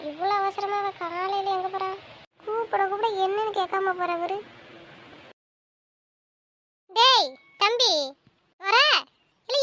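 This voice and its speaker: An actress playing an anxious elder sister who frets aloud and calls out insistently. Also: female voice, very high voice, a little hiss or hum. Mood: calling out. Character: anxious meddling elder sister, young woman. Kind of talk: family web-series drama acting.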